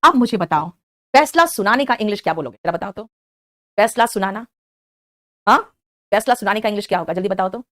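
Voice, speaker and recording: A woman's voice: medium pitch, expressive, fairly quick, long pauses, fairly bright tone. A woman with an Indian accent teaching a spoken English class, patiently coaxing and quizzing her students.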